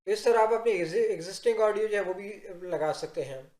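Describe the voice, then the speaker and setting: A man giving a software tutorial, explaining step by step and addressing viewers directly in an instructional narration. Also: high voice, brisk. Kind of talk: instructional screen-recording narration. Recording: roomy, echoing voice-over.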